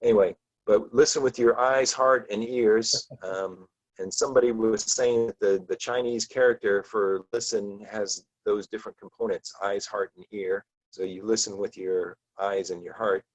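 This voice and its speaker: A man's voice: fairly low pitch, fairly even intonation, normal speed, rough recording. A man teaching a casual book discussion class, talking loosely with many ums and restarts.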